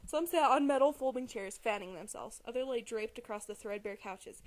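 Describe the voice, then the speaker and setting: In a dry recording, a young amateur reader with a slightly high voice briskly dramatizes a novel. Giggles and stumbles over words keep creeping in.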